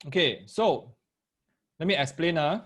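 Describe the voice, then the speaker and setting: The man's voice sits on the high side, a bit bright and slightly rough, with big pitch swings and an unhurried delivery. A maths tutor with a Singaporean accent and Singlish particles, he teaches parents and children in a live online lesson, going step by step, repeating phrases and confirming they follow.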